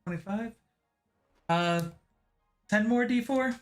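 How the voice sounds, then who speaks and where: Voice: mid-range voice, takes it slowly. A game master refereeing a tabletop role-playing session in a casual way, with music behind.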